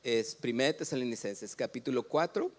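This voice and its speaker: A Mexican man, a pastor, preaching a sermon. He asks the congregation questions, has them read along, and often builds up to loud exclamations. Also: mid-range voice, lively intonation, brisk.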